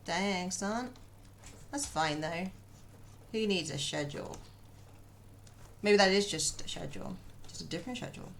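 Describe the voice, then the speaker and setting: Woman, casual streamer chat, muttering while drawing, gravelly, faint hiss. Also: on the low side, lively intonation, normal speed, pauses often. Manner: chatty, muttering to herself, answering chat.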